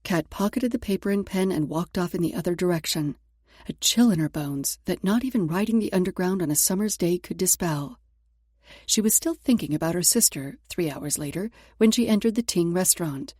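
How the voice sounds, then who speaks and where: A woman's voice: fairly low pitch, dark tone, no echo, studio quality. A woman narrating romance fiction from a script in a sultry, intimate storytelling manner. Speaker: audiobook narrator.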